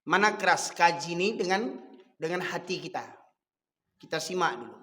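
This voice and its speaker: Fiery high-voiced Minang preacher. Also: male voice, lively intonation, moderate pace, sharp tone, in a large hall. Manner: fiery, scolding, switches between dialect and Indonesian. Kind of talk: sermon.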